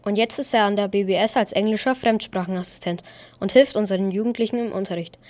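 A woman presents a school news piece from a script, playful and lively. Her pitch sits in the middle range. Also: fast talker.

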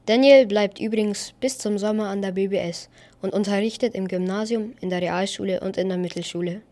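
A woman presenting a scripted school news segment in a lively, playful way. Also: mid-range voice, a little fast.

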